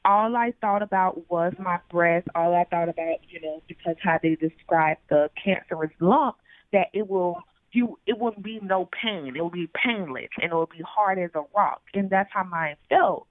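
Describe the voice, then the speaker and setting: Heard on a tinny phone line, a woman with a lowish voice talks at a normal pace about her life in an interview. Her delivery is hesitant and full of fillers, with no echo.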